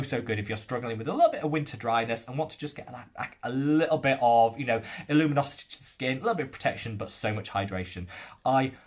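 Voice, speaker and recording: A young man from the UK reviewing skincare products in an enthusiastic, gushing manner. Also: medium pitch.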